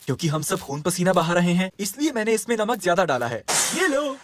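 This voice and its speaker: A man's voice: sits high, sing-song, brisk, slight background noise. A voice actor playing an earnest, determined teenage swordsman in an anime dub, straining with effort. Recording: anime dub over loud music.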